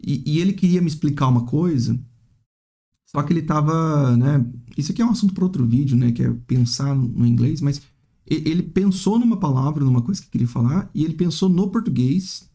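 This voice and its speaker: A young male English teacher talking straight to his viewers in a relaxed, conversational way, with a fairly high but mellow voice. He chats along, tags his sentences with little questions, and now and then mimics a stumbling student. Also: a little fast. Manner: chatty, frequent "né?" tags, acts out hesitant students. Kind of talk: casual teaching monologue.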